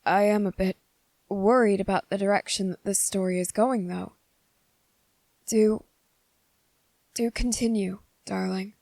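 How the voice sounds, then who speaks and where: In an intimate, scripted ASMR roleplay, a woman plays a gentle, brooding male vampire possessively in love, sounding concerned and tender. She speaks slowly and haltingly at medium pitch, with little pitch movement and vocal fry, tenderly coaxing the listener. The audio is very dry and intimate, with no echo or room around the voice.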